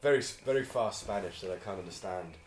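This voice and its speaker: Low-voiced man, laid-back podcast co-host who rambles and laughs a lot, recorded in an echoey room with faint hiss. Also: quick pace. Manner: rambling storyteller, laughs often. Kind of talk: casual chat.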